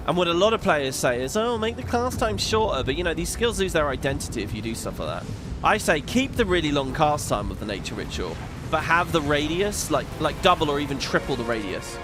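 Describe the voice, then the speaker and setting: A man giving casual, opinionated gameplay commentary as a streamer, swearing freely. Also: fairly high pitch. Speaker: game streamer. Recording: game music behind the voice. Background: game music.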